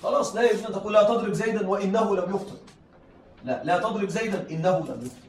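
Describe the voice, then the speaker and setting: A man teaching a class at a quick clip, his voice fairly high. He keeps asking the room whether they are following and repeats key phrases. He is recorded from a distance in an echoey room with faint noise behind. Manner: checks often that students follow, repeats phrases. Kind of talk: classroom lesson on Arabic rhetoric. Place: classroom with students.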